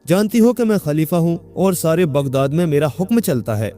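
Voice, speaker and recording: Figure: man playing an arrogant young man sure he is caliph, ordering people about, storybook tale. Mellow tone. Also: fairly high pitch, animated, soft background music, natural voice. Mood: commanding. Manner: commanding, indignant.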